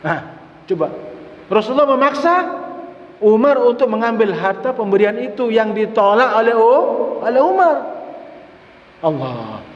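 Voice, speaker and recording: A man's voice: high-pitched, sing-song, unhurried, pauses often. A man preaching at a mosque study session, repeating words for emphasis and mixing in Arabic phrases. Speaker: Islamic preacher. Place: mosque hall. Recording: echoey mosque hall, dull lo-fi sound.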